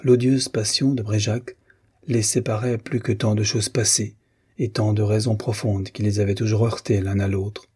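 Husky, low-voiced male narrator. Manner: steady, measured literary narration. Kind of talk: audiobook reading.

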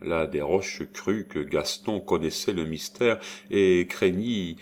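A man narrating a novel as an audiobook, in steady, measured storytelling. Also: low-pitched, slight background noise. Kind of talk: scripted narration.

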